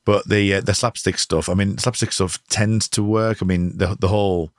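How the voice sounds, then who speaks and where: A man hosts a podcast in a loose, chatty style, often correcting himself mid-sentence. His voice is deep and low. The sound is dry and close-miked. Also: fairly even intonation, normal speed, no echo. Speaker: podcast host. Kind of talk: casual podcast interview.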